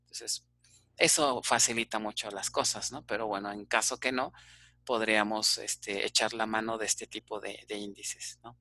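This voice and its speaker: A man's voice: lowish voice, fairly even intonation, normal speed, sharp tone, no room sound. A man with a Mexican Spanish accent teaching an online database class, explaining step by step and checking in with frequent "ok?" fillers.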